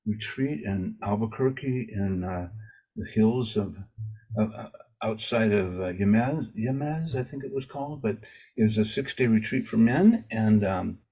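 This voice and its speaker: A man with a low, mellow voice and a slightly husky edge hosts a casual video interview. He speaks haltingly and fills his sentences with uh and false starts. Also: poor audio. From Maine. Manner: halting, many uh fillers and restarts. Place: home in Maine.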